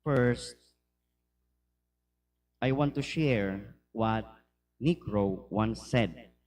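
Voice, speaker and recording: Deep, mellow Filipino priest. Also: male voice, drawn-out words. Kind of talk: liturgical gospel reading and homily. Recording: noisy recording with low hum.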